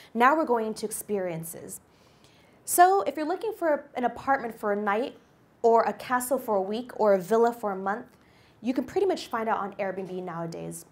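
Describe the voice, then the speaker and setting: Upbeat woman lecturing on stage. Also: mid-range voice. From United States. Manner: lively storyteller with an upbeat, personal delivery. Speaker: company executive giving a guest lecture. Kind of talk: presentation to a university class. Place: lecture hall stage with a projection screen. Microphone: handheld microphone.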